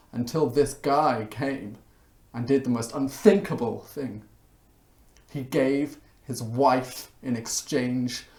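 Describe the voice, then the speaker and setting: A man giving a hammy, theatrical dramatic reading like a stage actor, with dramatic pauses and swells. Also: medium pitch, a little mellow. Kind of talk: dramatic reading of a spam e-mail. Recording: echoey, roomy sound.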